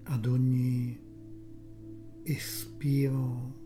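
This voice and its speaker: A soft, breathy, half-whispering voice guiding a relaxation meditation soothingly, in short phrases with long pauses. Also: medium pitch, level tone, soft background music. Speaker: guided meditation narrator.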